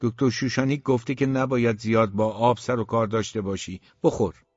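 A man reading a gentle, worried mother. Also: mid-range voice, steady tone, dry recording, highs cut off, lightly acted. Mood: coaxing. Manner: soothing, pleading.

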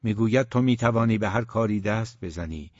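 A man's voice: on the low side, a little mellow, dry recording, dull audio, natural voice. A man reading the part of a worried mother who speaks in a soothing, pleading way. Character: worried, gentle middle-aged mother.

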